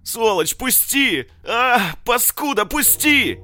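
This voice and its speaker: A man reading an audiobook, voicing a crude adult male looter who shrieks and babbles in a high, shrill, hysterical voice. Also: very animated, moderate pace, a bit bright, faint music behind. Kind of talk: audiobook character voice.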